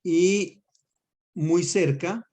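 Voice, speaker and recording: Patient pastor teaching a class. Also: male voice, high voice, darkish tone. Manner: patient, explains slowly with spoken examples and checks understanding. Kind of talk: teaching a class on Hebrew accents.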